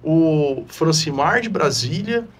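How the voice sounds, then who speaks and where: A male podcast host chatting in a casual, animated way. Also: fairly high pitch, slow, slightly rough. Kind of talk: casual chat.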